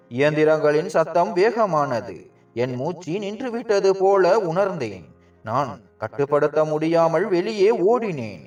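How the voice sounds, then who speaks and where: A man narrating a first-person dramatic story in an emotional, measured way. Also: fairly high pitch. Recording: distant mic with soft background music.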